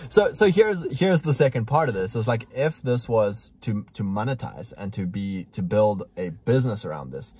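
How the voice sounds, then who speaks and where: Husky-voiced man, emphatic and preachy. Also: lowish voice, very animated, normal speed, hardly any pauses, darkish tone, no room sound. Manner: emphatic, preachy, gets heated. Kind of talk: casual conversation.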